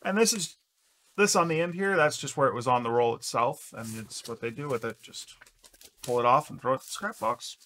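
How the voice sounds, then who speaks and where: A man's voice: mid-range voice, a little fast. A man co-hosting a crafting channel, chatting casually while unboxing and naming colors as he sorts scraps in a craft room, picked up by a camera across the room. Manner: relaxed, names colors as he sorts.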